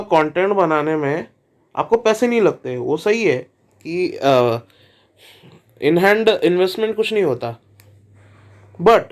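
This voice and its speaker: A man's voice: sits high, a little mellow. A man hosting a reaction video, talking casually and skeptically, asking questions with lots of fillers and restarts.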